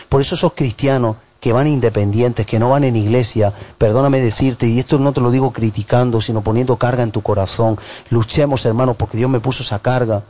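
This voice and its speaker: Speaking in a mid-range voice, a male pastor gives a lively, animated sermon. Along the way he performs character voices and piles on emphatic lists.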